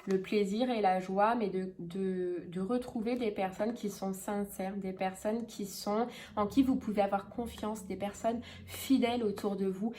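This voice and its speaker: A woman chats through a casual tarot reading at a middling pitch, looping back on her words and padding them with little fillers. A faint hiss sits under the voice. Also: steady tone, measured pace, few pauses, dark tone. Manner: chatty, many fillers and repeats. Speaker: tarot reader.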